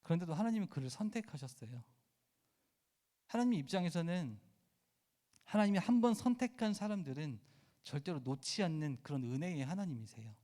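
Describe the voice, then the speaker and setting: A man's voice: on the high side, warm tone. A man preaching a sermon to teenagers, emphatic and asking his listeners direct questions. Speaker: youth pastor.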